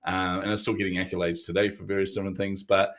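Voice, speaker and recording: Low-voiced guy from new zealand telling stories on an interview, acts out the back and forth. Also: quick pace. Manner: animated storyteller acting out quoted exchanges. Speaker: guest, neuromarketing coach. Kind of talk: casual storytelling interview.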